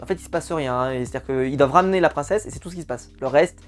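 A man's voice: a little high, very fast, soft background music. A man giving a casual, exasperated spoken film review, often repeating words for emphasis. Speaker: film critic.

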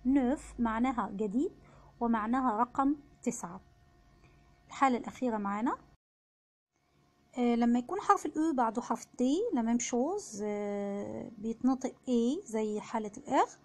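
A woman with an Egyptian Arabic accent giving an online French pronunciation lesson, patiently repeating each example word slowly. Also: a little high, a little mellow. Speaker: French teacher.

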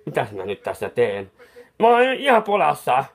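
With a mid-range, sing-song voice, a man plays a befuddled, bumbling clown painter in an improvised comic monologue. The character mutters confusedly, keeps restarting, and fusses kindly over a crying person, alternately soothing and scolding.

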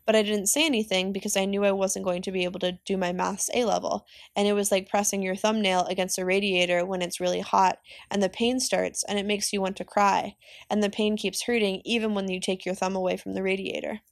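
A woman reads a novel aloud for her students, steady and unhurried. Her voice sits in a middle register. The sound is dry and close, with no room around it. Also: medium pitch, creaky, no room sound. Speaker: teacher reading aloud. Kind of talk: audiobook reading of a novel.

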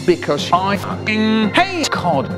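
This man's speech has been spliced together word by word from recordings, giving a choppy, boastful comic rant with pitch and loudness jumping between words. The result sounds very animated and slow, with music playing in the background.

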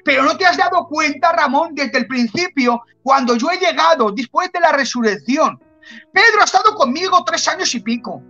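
A man from Spain voicing the Lord as a calm, patient divine voice, in a sermon. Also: very high-pitched, normal speed, dull audio, soft background music, heavily acted. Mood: explaining. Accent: Spain Spanish.

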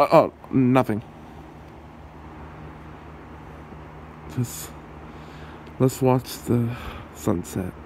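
Playing a shy young man smitten with someone and concealing a secret, a man in this ASMR roleplay talks haltingly and awkwardly. His voice is low, gravelly and dark in tone, and the feeling is tender and relieved. Slight background noise is present.

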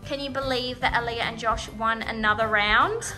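High-pitched woman hosting a home game. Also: steady tone, moderate pace, poor audio. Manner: encouraging, chatty. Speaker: host of a family game challenge. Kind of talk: casual game hosting and commentary. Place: indoor dining room around a table at home. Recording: home video with loud background music.

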